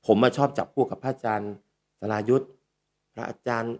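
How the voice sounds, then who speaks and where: Male talk host, chatty and animated, slips into quoted voices. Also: mid-range voice, fairly quick. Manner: lively, acts out quoted voices. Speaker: speaker and talk show host. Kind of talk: casual storytelling talk.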